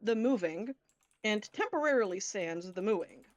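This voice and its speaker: A woman's voice: mid-range voice, animated, measured pace, dry recording. A woman game master narrates a tabletop role-playing game. She takes her time, speaks informally with some swearing, and sounds close and dry.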